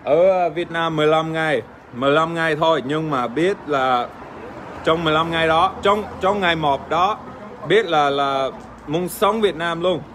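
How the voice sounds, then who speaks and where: A native English-speaking Australian livestream host reads fan comments and jokes crudely with his audience in casual chat, halting with fillers and swearing playfully. His pitch is fairly high and a bit bright, with slight background noise.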